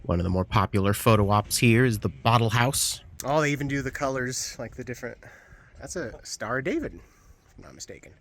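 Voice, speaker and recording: Relaxed, chatty male travel vlogger. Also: mid-range voice, a little fast. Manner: relaxed, chatty, easily impressed. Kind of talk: casual travel vlog narration. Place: desert campsite and caves outdoors.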